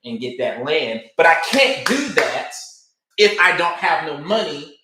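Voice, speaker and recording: A man's voice: on the high side, sing-song, unhurried, background noise. A man giving a motivational talk about credit, emphatic and repetitive, acting out other people as he makes his points. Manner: emphatic, repeats points, acts out people in voices. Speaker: credit coach. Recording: echoey room.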